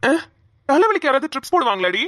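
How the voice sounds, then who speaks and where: A woman voicing a hurried cartoon husband. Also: high voice, very animated, fairly bright tone, no echo, clean studio sound. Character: hurried young husband rushing to office. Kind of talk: cartoon voice acting.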